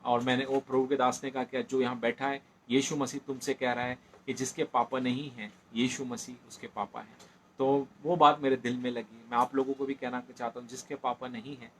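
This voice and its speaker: A man's voice: medium pitch, a bit bright, slight background noise. Man telling a personal testimony. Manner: storytelling, repeats phrases, many fillers. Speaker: speaker giving a personal testimony.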